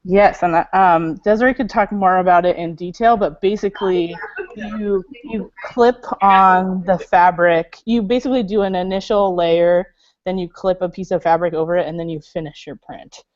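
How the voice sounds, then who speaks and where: A library makerspace staff member chats casually on a video call, laughing and using many fillers. Her voice is on the low side with a steady tone at normal speed. The video call audio is dull and lo-fi, with no echo.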